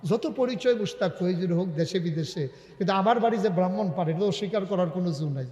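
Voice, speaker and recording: Male preacher, high voice, impassioned sermon, booming hall reverb. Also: fast talker. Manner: emotional, rising to loud sung-out calls. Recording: echoey hall with long reverb.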